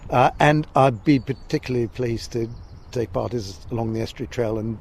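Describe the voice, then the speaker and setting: Male walking guide, southern English, creaky voice, halting unscripted interview delivery, faint outdoor noise behind. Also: medium pitch. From Essex, England. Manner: hesitant, discursive, stop-start. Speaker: walking guide and festival guest. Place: outdoors near a creek by the estuary. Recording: steady background noise, outdoors.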